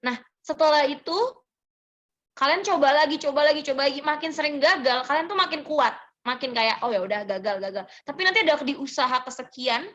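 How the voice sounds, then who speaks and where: A young woman giving gentle, reassuring advice in a motivational sharing session, answering audience questions and mixing in English phrases. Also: high-pitched, brisk, dull audio.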